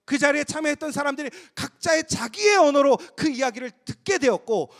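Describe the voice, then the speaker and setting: A male pastor preaching a sermon, emphatic and storytelling, who often turns to the congregation with rhetorical questions. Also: very high-pitched. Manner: lively, storytelling delivery with occasional laughs.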